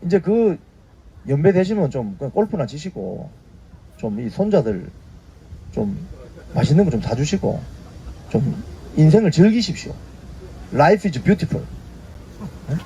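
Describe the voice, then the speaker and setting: A man's voice: a little high, very animated, unhurried, creaky, long pauses, mellow, slight background noise. A man in his fifties hosting a casual news briefing, prodding his viewers with short tag questions. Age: 50s. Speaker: YouTube news briefing host. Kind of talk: casual spoken commentary.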